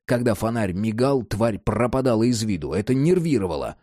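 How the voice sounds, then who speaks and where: A man narrating an audiobook with an animated, dramatic reading. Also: fairly low pitch, brisk, no room sound, studio quality.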